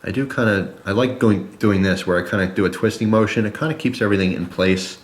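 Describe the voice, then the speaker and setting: A man's voice: lowish voice, quick pace, reverberant. A man chatting casually and informally to viewers, explaining step by step as he demonstrates a product in a review video.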